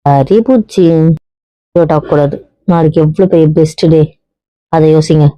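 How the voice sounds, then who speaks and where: A woman's voice: deep voice, unhurried, dark tone, no room sound. A woman playing a bride-to-be who teases and soothes her groom. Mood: teasing. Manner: playful, teasing. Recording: muffled lo-fi sound.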